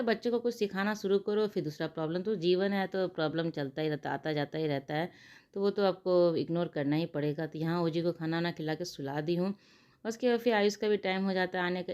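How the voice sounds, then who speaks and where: A woman's voice: lowish voice, a little mellow. A young adult woman, a vlogger and mother, chatting through her daily routine in a homely voice-over and often rephrasing herself.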